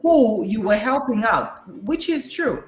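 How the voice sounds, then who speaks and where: A woman's voice: a little high, sing-song, measured pace. A woman in her forties sits on a casual talk-show panel, talking in an agreeable, reflective way. Her voice has a roomy echo around it, and faint music plays underneath. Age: 40s. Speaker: panel co-host.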